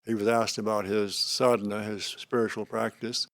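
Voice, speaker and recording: An older man giving an unscripted spiritual talk on meditation as a teacher, speaking slowly and calmly in short, deliberate phrases with pauses. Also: on the low side, dry recording, clean studio sound. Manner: slow, calm, deliberate delivery with pauses between short phrases.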